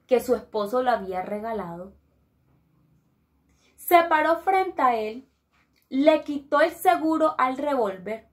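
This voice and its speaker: A woman from Colombia narrates a grim tale in a loose, spoken storytelling manner. Her voice sits high and the pace is unhurried, with small restarts that keep it conversational. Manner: casual, conversational retelling with pauses and restarts. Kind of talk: oral storytelling.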